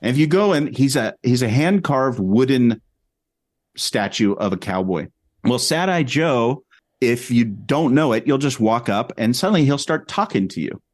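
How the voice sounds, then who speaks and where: A man, a podcast guest, telling a story in an animated, rambling way with many restarts. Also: medium pitch, normal speed, dry recording, clean studio sound. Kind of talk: casual storytelling.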